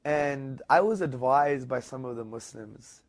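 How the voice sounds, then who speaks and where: A man being interviewed, telling a story in a lively conversational way. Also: measured pace. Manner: animated, rising high when retelling others' words. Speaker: interview guest.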